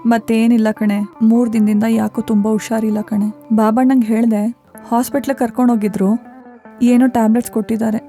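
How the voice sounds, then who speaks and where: A woman's voice: fairly high pitch, flat delivery, fairly quick, soft background music, natural voice. A woman playing a tired, ailing older mother. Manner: weary, soft-spoken, unwell. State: feverish. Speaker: mother on a phone call. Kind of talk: TV drama acting.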